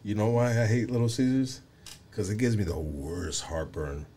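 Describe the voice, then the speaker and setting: A man in his forties interviewing casually, halting and leaning on fillers and tag questions. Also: fairly low pitch, lively intonation, dark tone, slight background noise. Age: 40s.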